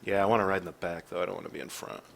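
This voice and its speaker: Fast-talking low-voiced man over noisy voice chat. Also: vocal fry. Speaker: military sim player leading radio checks. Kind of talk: military radio procedure mixed with casual gamer chat. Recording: noisy game voice chat, engine drone.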